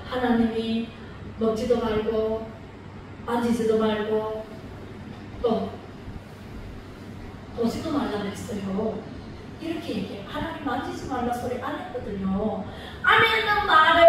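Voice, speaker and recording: A woman pastor preaching a sermon in a church, storytelling with energy and asking the congregation questions. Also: high-pitched. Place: church sanctuary. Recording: very echoey church hall, distant mic, faint noise.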